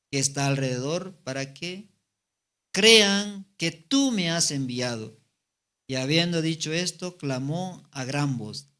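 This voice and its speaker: A man's voice: on the high side, bright, forceful tone. A man preaching a Sunday sermon, reading scripture aloud and breaking in with rhetorical questions to the congregation. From Bolivia. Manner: voice rises and slows for the quoted words. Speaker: evangelist preacher.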